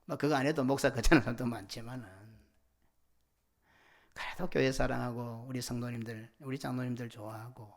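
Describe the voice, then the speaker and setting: A middle-aged man preaching a sermon as senior pastor, swinging from loud cries to hushed whispers. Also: mid-range voice, creaky. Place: church sanctuary.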